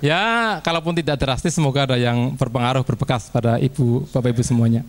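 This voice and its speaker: A man's voice: medium pitch, steady tone, quick pace, a little mellow. A man, a teacher, giving a casual training presentation to fellow teachers, chatty and acting out little classroom dialogues. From Indonesia.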